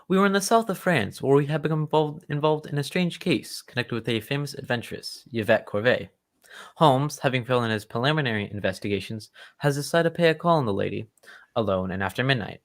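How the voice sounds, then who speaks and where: Guy as earnest doctor storyteller, medium pitched, narrating old radio mystery. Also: close to an everyday voice. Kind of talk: scripted radio drama narration.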